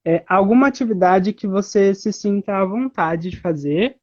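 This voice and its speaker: A woman guest in a casual interview, explaining things in a relaxed way with many fillers over a video call. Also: medium pitch, normal speed. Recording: slightly muffled audio.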